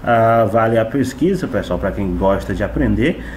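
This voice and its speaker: A man teaching English phonics to Portuguese speakers, repeating sounds and words slowly one by one. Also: fairly low pitch, expressive, darkish tone, slight background noise. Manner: slow, drawn-out repetition of sounds and words.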